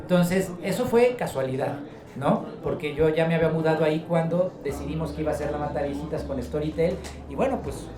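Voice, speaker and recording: A man from Guadalajara with a Mexican accent, an author talking about his work in a relaxed, joking way at a book presentation. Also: on the high side, a little fast, roomy sound, distant mic, crowd noise. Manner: relaxed, storytelling, joking asides. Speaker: author being interviewed.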